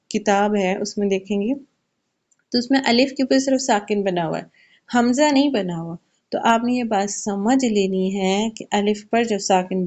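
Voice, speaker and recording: A woman's voice: mid-range voice, darkish tone, lo-fi sound. A woman teaching children Quran recitation, explaining each rule patiently and asking questions she then answers herself. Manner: slows to recite verses carefully. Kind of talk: Quran tajweed lesson for kids.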